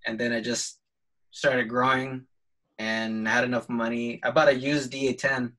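Man, bright voice, hesitant, filler-heavy, casual video call guest, laptop mic. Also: mid-range voice, little pitch movement, a little slow, poor audio. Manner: hesitant, full of fillers and restarts, laughs lightly. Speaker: photographer guest.

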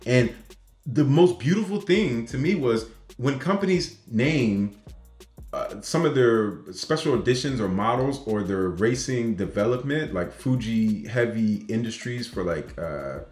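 A man casually talking through his car brand design ideas, animated and excitable, often checking in with "right?". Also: mid-range voice, a little slow. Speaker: vlogger. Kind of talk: casual design talk to camera. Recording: echoey room with faint music.

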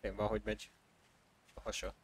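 A man's voice: fairly low pitch, level tone, breathy edge. A man playing a game with friends, making offhand, mumbled remarks. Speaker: fellow player. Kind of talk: casual gaming chat.

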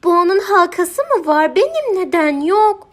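A woman voicing a vain, stubborn female cow who exclaims loudly and whines in drawn-out words, in a children's audiobook. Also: high voice, voice pushed up, close to an everyday voice. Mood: plaintive.

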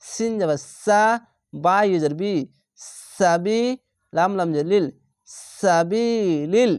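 A man with a high, slightly mellow, clean-toned voice teaches Quran reading at a measured pace. He patiently spells out each Arabic letter and syllable, repeats syllables, and draws out the long vowels for learners. The sound is studio quality with no echo.

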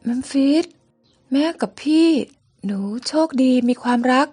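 A woman's voice: sits high, lively intonation, a little slow, a little mellow, husky, full character voice. Woman doing a tender young queen girl. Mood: tender, anxious. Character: young modern girl turned Egyptian queen, tender, tearful.

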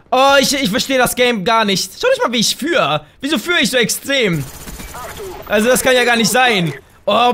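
A man doing let's play gameplay commentary, chatting straight to his viewers and breaking into loud, excited shouts. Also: sits high. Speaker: gaming channel host.

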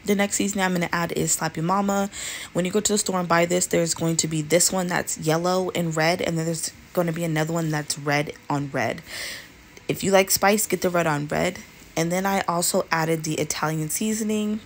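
A woman talks through her cooking in a relaxed, chatty way, full of "um"s. Her voice sits a little low. It is recorded on a phone over the stove, with a faint kitchen hum behind. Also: fairly quick. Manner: relaxed, chatty, lots of fillers. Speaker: cooking vlogger. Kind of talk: casual cooking narration. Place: home kitchen.

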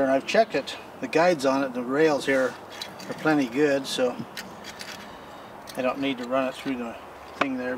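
Out in the backyard, an older man who hosts a homesteading channel gives a casual how-to on a repair, his voice folksy, plain-spoken and rambling, with ordinary male pitch. He's far from the camera mic, which sits a few steps off and picks up steady outdoor noise beneath him.

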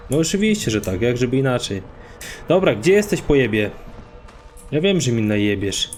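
Excitable, swearing man gaming. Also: mid-range voice, normal speed, a little hiss or hum. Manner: profane, excitable, talks to himself and viewers. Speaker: let's play gamer. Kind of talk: live gameplay commentary.

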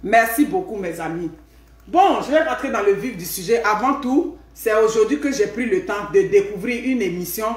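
A middle-aged woman with an Ivorian French accent chats with her live-stream viewers from home. She talks in a lively, familiar way and keeps checking in with a questioning "hmm?". Her voice sits at a middle pitch and bounces around an echoey room. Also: moderate pace. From Ivory Coast. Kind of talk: casual live chat.

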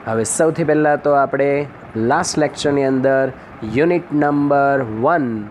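A male teacher lectures at a slow, careful pace. He sits a little high in his register and reads each English phrase word by word before explaining it. Faint traffic noise runs under the recording. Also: a little mellow.

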